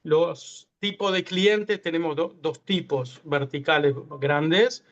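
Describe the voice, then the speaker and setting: A man with a slightly high voice talks about his work in an online interview. He hesitates often, filling gaps and restarting words. The sound is muffled and lo-fi, like a video call. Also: slow pace, a bit bright. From Uruguay. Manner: hesitant, many fillers and restarts. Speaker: tech entrepreneur guest.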